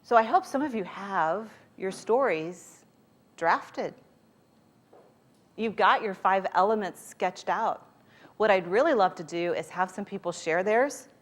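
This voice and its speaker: A woman's voice: mid-range voice, expressive, unhurried. Woman, motivational speaker, live event, informal direct address, coaxing delivery. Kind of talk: motivational talk to a live audience.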